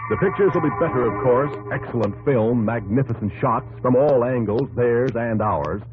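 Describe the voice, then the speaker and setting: An American man with a medium-pitched voice narrates a 1950s radio documentary-drama at a moderate pace, sounding earnest and dramatic yet conversational. It's a narrow-band vintage radio broadcast with loud music.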